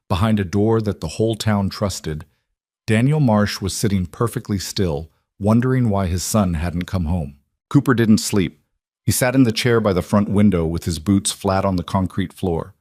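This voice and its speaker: Male narrator with a low voice, measured and grave, dry close sound. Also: a little mellow, no room sound. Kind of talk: scripted dramatic narration.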